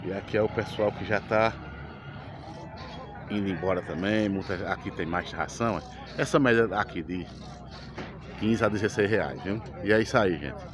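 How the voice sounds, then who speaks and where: This vlogger speaks Portuguese with a Pernambuco accent, casually touring an outdoor cattle and feed market while talking to his audience and often thanking people. His lowish voice keeps a moderate pace with long pauses, and there is background noise. He films with a handheld camera amid a lively crowd outdoors.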